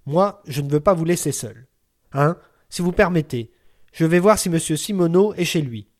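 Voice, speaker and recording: A brusque old neighbor woman, voiced by a man reading a story, bossing everyone around with gruff authority in a raised, higher voice. She scolds and fusses at length and never softens into sweetness. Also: normal speed, lightly acted. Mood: grumbling. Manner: brusque, bossy and fussing.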